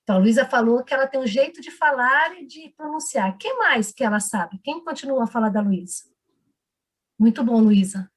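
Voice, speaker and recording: A woman's voice: fairly high pitch, animated, a little fast, breathy edge. Encouraging woman leading seminar. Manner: encouraging, asks the group many questions. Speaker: teacher trainer leading a seminar. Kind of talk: online seminar, leading a discussion. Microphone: video call microphone.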